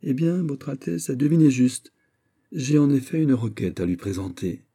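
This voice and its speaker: A male reader voicing an earnest young courtier, measured and respectful, in an audiobook. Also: medium pitch, creaky, mellow, breathy edge, pitched above the performer's own voice. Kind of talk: audiobook character reading.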